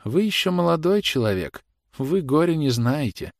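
Man doing an angry old mother standing up to an officer, voice pushed up high, dry recording. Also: big pitch swings, moderate pace, gravelly, no room sound, exaggerated voice. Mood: defiant. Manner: raised and pleading. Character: indignant older working-class mother, defiant. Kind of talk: audiobook character reading.

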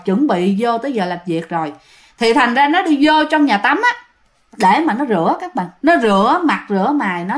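A woman, casually telling ghost stories and talking directly to her listeners. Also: fairly high pitch. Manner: chatty, addresses listeners directly. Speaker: storyteller. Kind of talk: casual ghost-story narration.

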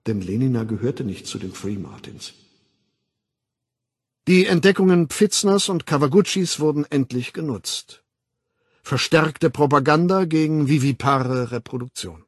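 A male audiobook narrator with a husky, slightly breathy voice. He reads with lively swings of pitch and firm emphasis. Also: a little slow, no room sound, studio quality.

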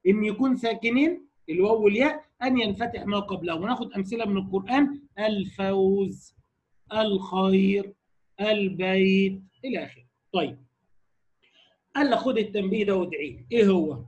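A man with an Egyptian Arabic accent giving a lecture on tajweed rules, slowing down to recite quoted lines and putting rhetorical questions to his class. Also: high-pitched, expressive, a little mellow, highs cut off. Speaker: Quran recitation teacher.

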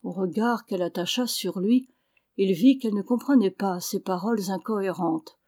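A woman reading a classic novel aloud as calm, even scripted narration. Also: medium pitch, normal speed. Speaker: audiobook reader.

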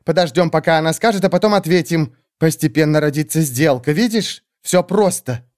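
A man doing a high, sly skeletal bird. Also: a little fast, a little mellow, close to an everyday voice. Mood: scheming. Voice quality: high, hissing. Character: tiny skeletal female dragon-bird, sly and bossy.

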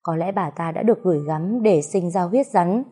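A woman's voice: lowish voice, moderate pace, warm tone, husky. A woman voicing a commanding, ruthless noblewoman of a snake clan, mother of its prince. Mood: knowing.

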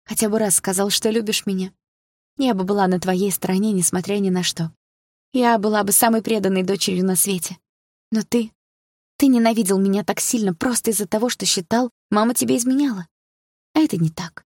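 A woman's voice: mid-range voice, fairly quick, darkish tone, no echo, lightly acted. A woman reading a young woman who tearfully confronts her jailed father in an audiobook and later teases her brother. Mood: bitter, tearful. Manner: pleading, bitter, then playful and teasing.

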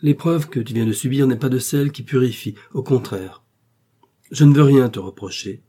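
A man's voice: mid-range voice, normal speed, mellow, breathy edge, lightly acted. A man reading aloud and voicing a hurt, dignified young wife in a storybook reading. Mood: tender. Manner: reproachful, dignified.

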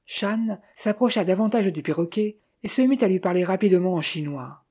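A narrator reading a classic detective novel aloud in a measured, even manner. The voice is mellow and dark, with a slightly husky edge. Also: medium pitch. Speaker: audiobook narrator. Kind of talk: audiobook narration.

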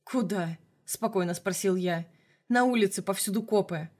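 A woman voicing a young male mage who speaks calmly and icily, slow and controlled. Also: mid-range voice, close to an everyday voice. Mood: icy. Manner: calm, icy, slow. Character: young male mage hero, cold, vengeful.

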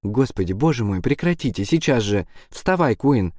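A man's voice: medium pitch, animated, normal speed, a little mellow, no room sound, studio quality, voice pushed up, lightly acted. A man voicing a bossy teenage girl who orders others around with exasperation, in an audiobook. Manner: commanding, exasperated.

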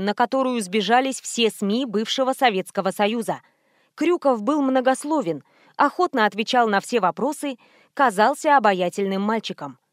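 Female audiobook narrator, fairly high, steady, dry close mic. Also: dry recording. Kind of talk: scripted narration.

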